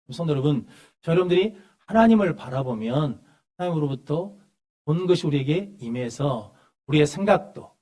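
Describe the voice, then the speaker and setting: A male pastor preaching a sermon in a church, asking the congregation rhetorical questions and reading scripture slowly with emphasis. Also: a little high, dark tone. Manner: asks the congregation rhetorical questions and answers them. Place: church sanctuary.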